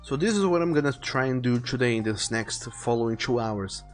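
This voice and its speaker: With music in the background, a man chats on a relaxed livestream as he plans artwork for a visual novel, thinking aloud and often rephrasing. He speaks at a brisk clip in a medium-pitched, expressive voice.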